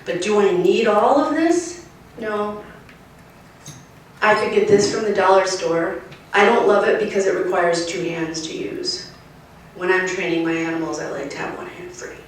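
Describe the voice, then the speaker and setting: A woman urban wildlife specialist giving a lively, emphatic outdoor talk, often checking in with her listeners. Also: mid-range voice, moderate pace. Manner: lively, emphatic, keeps asking the crowd "right?". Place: outdoors at a nature center. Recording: echoey, distant, faint noise.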